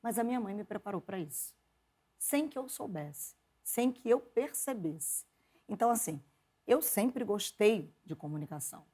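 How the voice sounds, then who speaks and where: A Brazilian woman, a journalist and preacher, telling stories from her upbringing in an interview, lively and quick to laugh. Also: mid-range voice, husky. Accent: Brazilian Portuguese. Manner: lively, laughs often, quotes her mother in animated voices. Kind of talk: conversational interview storytelling.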